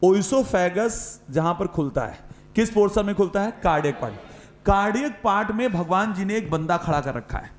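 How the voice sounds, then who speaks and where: A male biology teacher with a high voice and a north Indian accent leads a classroom lecture, firing questions and repeating the answers back in a call-and-response drill. His voice rings around an echoey classroom. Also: expressive, normal speed. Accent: Hindi-speaking north Indian. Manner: repeats questions and answers, calls listeners beta and sir.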